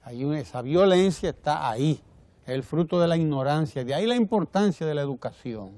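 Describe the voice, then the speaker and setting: Dominican male TV commentator, measured, repeats phrases, dark tone. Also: on the high side, expressive, no room sound. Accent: Dominican Spanish. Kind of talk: televised opinion commentary. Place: TV studio.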